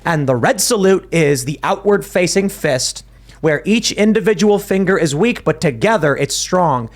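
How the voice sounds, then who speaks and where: A podcast host with a fairly high voice runs a casual panel at normal speed. He talks emphatically and animatedly, often restarting his sentences.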